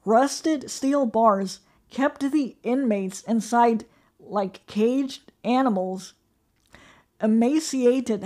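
Woman narrating a creepy story, slow and measured, kinda high voice. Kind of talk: scripted horror narration.

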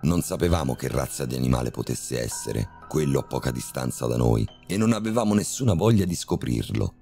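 Male horror narrator, very low and mellow, steady scripted delivery. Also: gravelly, faint music behind. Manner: measured, steady storytelling.

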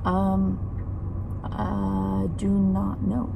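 A woman's voice: medium pitch, completely flat delivery, drawn-out words, vocal fry, dull audio. A woman in her thirties chatting with dry quips during a road trip inside a car. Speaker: vlogger's partner. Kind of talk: casual road-trip chat. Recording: distant phone mic, loud road noise.

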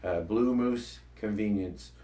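A man's voice: lowish voice, slow, dark tone, recorded from a distance. A man co-hosting a talk about his comedy web series, chatting casually and often restarting his sentences. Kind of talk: casual chat. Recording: echoey room, voice a bit off-mic.

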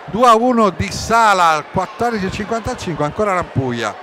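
An Italian man giving excitable live sports commentary, shouting and stretching players' names, recorded in a noisy sports hall. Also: sits high, fairly quick. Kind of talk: live roller hockey match commentary. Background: crowd and rink noise.

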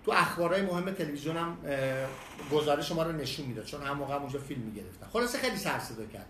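A man telling a funny personal anecdote in an animated way, hesitating often and acting out the voices. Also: fairly high pitch, roomy sound, slight background noise. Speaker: storyteller.

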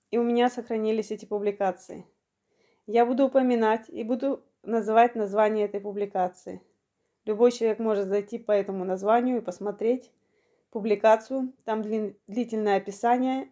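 In her vlog, a woman from Ukraine, around fifty, recounts a lengthy story from her own life. She speaks in a calm, plain way, her voice a bit high and warm, and she's slightly out of breath.

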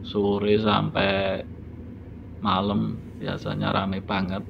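Slow, gravelly man driving. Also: fairly low pitch. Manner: relaxed, unhurried commentary with fillers. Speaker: driving vlogger. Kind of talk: casual narration while driving. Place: inside a car at night. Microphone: phone in a dashboard holder. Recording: dull lo-fi phone audio with loud road noise.

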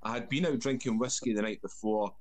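A man's voice: mid-range voice, steady tone, brisk, soft background music. A man from Scotland with a broad Scottish accent, telling casual anecdotes as a guest and often repeating words. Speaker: guest, former soldier.

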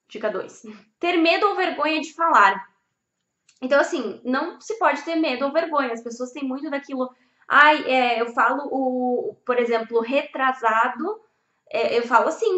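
In a high, somewhat bright voice, a young woman who teaches Spanish delivers a casual video lesson about learning languages, speaking bluntly and emphatically and cursing without restraint. The room echoes and the audio sounds slightly dull.

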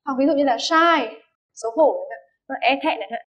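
A high, fairly bright female voice with lively intonation moves at a fairly quick pace. She's an English teacher running a vocabulary lesson, giving many examples and often making sure students keep up. The audio is dull and lo-fi.

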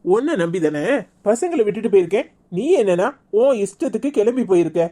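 A woman's voice: mid-range voice, lively intonation, brisk, heavy background noise, close to an everyday voice. A woman playing a stern village husband who reproaches his wife, in a Kanyakumari Tamil accent. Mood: reproachful.

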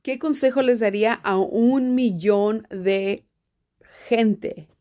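A woman's voice: a little high, slow, over loud music. A woman giving casual commentary over a video clip, restating each line in her own words. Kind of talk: casual commentary and live translation.

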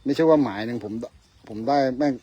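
A man keeps up a chatty running commentary to his viewers as he fishes on a riverbank. He sits in a middle pitch and talks to them directly and politely. Faint outdoor noise hums behind him. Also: fast, mellow, lo-fi sound. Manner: chatty, addresses viewers directly, tags lines with polite particles. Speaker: fishing vlogger. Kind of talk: casual outdoor fishing commentary.

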